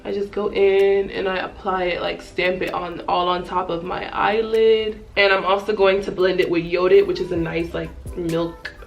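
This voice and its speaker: A woman's voice: on the low side, little pitch movement, moderate pace, vocal fry, few pauses, highs cut off. Young woman doing a chatty makeup tutorial, pokes fun at herself, music playing behind her. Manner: self-deprecating, playful. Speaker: beauty vlogger giving a makeup tutorial.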